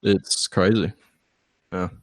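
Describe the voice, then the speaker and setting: A young Australian man, a band member appearing as a podcast guest, tells rambling, slangy anecdotes in a casual group chat. His low voice is flat and slow, captured in a dry, studio-quality recording.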